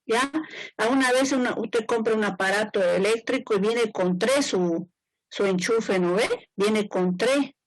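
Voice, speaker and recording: A woman engineer with a fairly high voice teaches a class at an unhurried pace. Her explanations are informal and repetitive, and she keeps checking in with her students, all captured in a dry recording with poor audio.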